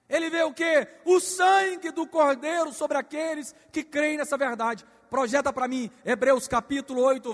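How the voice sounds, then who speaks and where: In a sermon, a high-voiced pastor leads his congregation in call-and-response lines, dropping into soft asides before bursting into shouts. A long hall reverb makes his voice ring.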